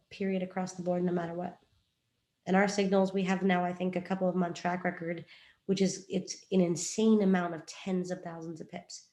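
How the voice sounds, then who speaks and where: Chatty woman, slightly low voice. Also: darkish tone. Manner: chatty, rambling, self-joking. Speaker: trading coach. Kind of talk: casual screen-share explanation.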